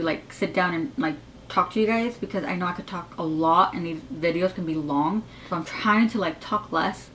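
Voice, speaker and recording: A woman's voice: medium pitch, slight background noise, rough recording. A woman in her twenties with a slight lisp from braces, chatting casually in a rambling Q&A vlog with lots of fillers. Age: 20s. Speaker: YouTuber.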